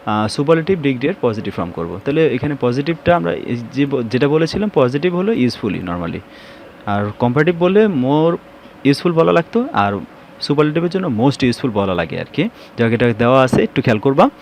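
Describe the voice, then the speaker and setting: A man leads an English grammar lesson at a middle pitch. He works through each step and often asks a question before he answers it himself. Faint traffic noise sits in the background. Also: very animated, normal speed, darkish tone.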